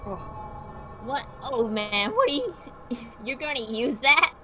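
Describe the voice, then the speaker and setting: A woman's voice: high-pitched, big pitch swings, unhurried, sharp tone, slight background noise. A woman reacting on a stream with mocking, sarcastic comments. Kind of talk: casual chat reacting on stream.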